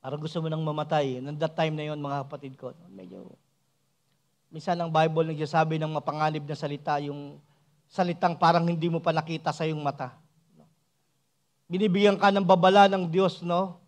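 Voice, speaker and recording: High-voiced man preaching a sermon. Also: steady tone, normal speed, pauses often. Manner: frequent rhetorical "no?" and "mga kapatid ko" asides; swings from soft asides to raised, emphatic preaching. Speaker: church elder preaching.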